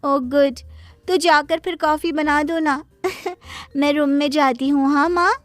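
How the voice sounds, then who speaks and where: A woman's voice: sits high, fairly even intonation, slow pace, dry recording, soft background music, voice pushed up. A woman voicing a spoiled, lazy young daughter in a cartoon story. She talks in a careless, bratty way. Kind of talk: Hindi cartoon voice acting.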